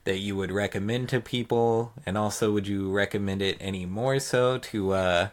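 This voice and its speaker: A man's voice: on the low side, moderate pace. Male podcast host, easygoing, loose rambling questions. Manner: relaxed, asks long rambling questions. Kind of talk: casual podcast interview.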